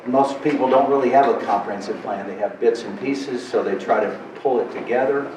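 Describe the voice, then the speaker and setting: A man introducing himself as a financial planner on a panel, relaxed and friendly, in a meeting room. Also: mid-range voice, a little fast. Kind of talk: casual self-introduction. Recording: echoey room from far off, noticeable noise.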